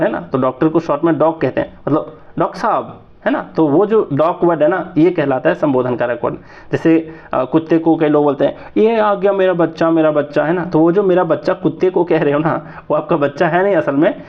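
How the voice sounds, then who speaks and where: Man, thirties, Jharkhand accent, chatty vocabulary teacher, a little high, slightly muffled lo-fi recording. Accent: Jharkhand Hindi. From Jharkhand, India. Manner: chatty, often asks "है ना?". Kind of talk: exam vocabulary lesson.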